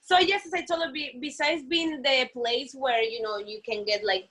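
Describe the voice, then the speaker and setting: A woman's voice: high voice, normal speed, sharp tone. A woman from the Dominican Republic speaking English with a Dominican Spanish accent, chatting casually as an interview guest over a video call, leaning on "you know" and "like.". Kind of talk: casual chat. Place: San Pedro de Macorís.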